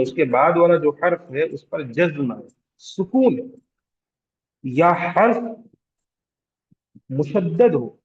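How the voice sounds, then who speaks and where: Male tajweed teacher with a Hyderabadi Urdu accent, fairly high voice, unhurried, patient, quizzes students, stretches vowels to demonstrate, dull lo-fi recording. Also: a little mellow. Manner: patient, repeats terms and asks the class questions; draws out vowels to demonstrate elongation. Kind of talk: slow classroom lecture.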